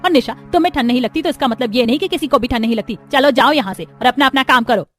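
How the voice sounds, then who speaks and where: A woman's voice: on the high side, fairly quick, soft background music, close to an everyday voice. A woman voicing a caring but stern middle-aged mother-in-law in a cartoon story. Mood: scolding. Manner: firm, motherly. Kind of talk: cartoon voice acting.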